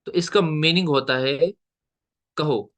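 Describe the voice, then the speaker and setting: Bright-voiced man teaching. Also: fairly high pitch. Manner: explains slowly, repeats points, mixes English words into Urdu. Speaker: tajweed teacher. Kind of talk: recorded online lecture.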